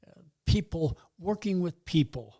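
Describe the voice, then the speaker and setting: A very old man, around ninety, talking reflectively and haltingly in an interview, with a gravelly, husky voice. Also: fairly high pitch, expressive, mellow. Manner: halting, pausing to think. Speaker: podcast guest, retired pastor.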